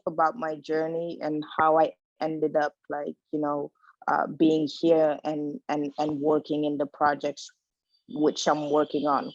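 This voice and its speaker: A woman from Senegal giving an informal lecture, relaxed and conversational, with frequent "like" and "you know". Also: deep voice, no echo. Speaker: guest lecturer. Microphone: video call. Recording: dull lo-fi video call audio.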